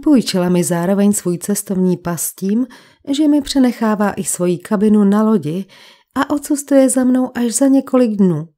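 A woman's voice: medium pitch, animated, warm tone, close to an everyday voice. A woman voicing a secretive young woman who earnestly explains herself in a crime audiobook.

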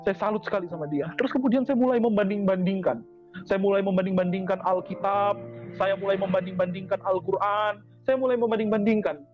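A man with a notably high voice tells his story to a congregation, repeating key phrases with heartfelt emphasis. The recording is dull and lo-fi. Faint music runs underneath. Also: a little fast. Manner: repetitive, earnest, heartfelt phrasing. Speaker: convert giving a church testimony. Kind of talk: personal testimony to a congregation.

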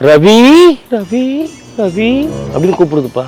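A man talking in a hushed, uneasy way outdoors on an empty path. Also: sits high, expressive, unhurried, over loud music. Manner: hushed and uneasy, pretending to hear voices. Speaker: prankster.

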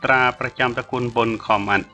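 Male audiobook narrator, measured storytelling, bright voice, faint music bed. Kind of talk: scripted narration of a novel.

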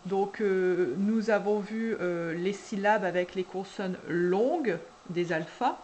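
A woman preschool teacher guiding parents through a syllable dictation, speaking slowly and deliberately and drawing out each syllable. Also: mid-range voice, a little mellow, muffled recording, a little hiss or hum. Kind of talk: instructional video for parents.

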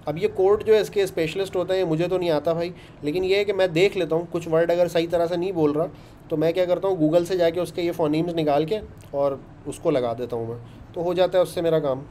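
A programming instructor, a man with a fairly high, mellow voice, talks at a fairly quick clip in a steady tone over a little hiss or hum. His coding lesson is casual and chatty, walking through every step with plenty of "ṭhīk hai" along the way.

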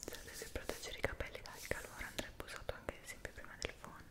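Hushed whispering young woman. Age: 20s. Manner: hushed whisper, speaking very softly; unhurried, rambling, searching for words. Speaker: ASMR creator. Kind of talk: whispered ASMR chat about personal routine. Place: small indoor room. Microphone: two close side microphones in front.

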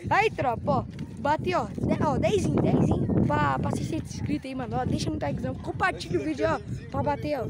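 Brazilian male vlogger, high pitch, hyped and teasing, outdoors with loud street noise. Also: brisk. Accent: Brazilian Portuguese. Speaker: kite-flying channel host. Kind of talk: casual vlog commentary to chat.

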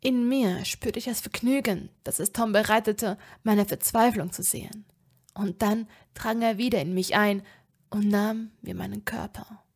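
A woman narrating a fan fiction story in the first person, dropping to a hushed whisper at tense moments. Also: medium pitch, fairly even intonation, a little slow. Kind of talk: dramatic audiobook reading of fan fiction.

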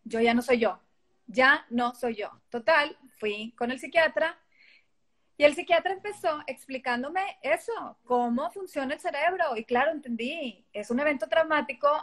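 This middle-aged woman, a guest with a Mexican Spanish accent, chats animatedly in a casual interview and acts out quoted exchanges. Her voice sits high and a bit bright, at a normal pace.

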